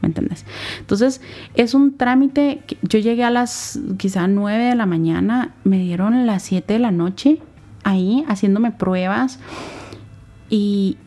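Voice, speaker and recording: Young woman, Guatemalan accent, interview guest; warm, dark voice, reflective and halting. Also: mid-range voice. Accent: Guatemalan Spanish. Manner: earnest, reflective, speaks in short halting phrases. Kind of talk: personal testimony in a sit-down interview.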